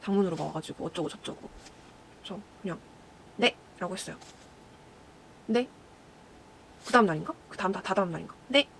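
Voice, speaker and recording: Young woman vlogger talking super fast, chatty storyteller, does little voices for people, faint hiss behind. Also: lowish voice, fairly even intonation, creaky. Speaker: former announcer, vlogger. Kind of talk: casual chat to viewers while doing makeup.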